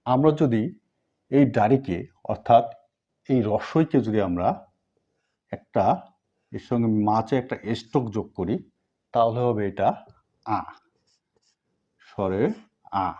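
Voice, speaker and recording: Patient male teacher drilling sounds slowly. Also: mid-range voice, mellow, lo-fi sound. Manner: slow, repetitive drilling with pauses; patient, addresses viewers directly. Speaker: language teacher. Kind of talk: step-by-step language lesson.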